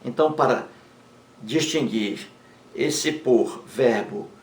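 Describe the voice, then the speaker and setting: A man teaching grammar in a slow, deliberate lesson, repeating words for emphasis. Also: mid-range voice, echoey room.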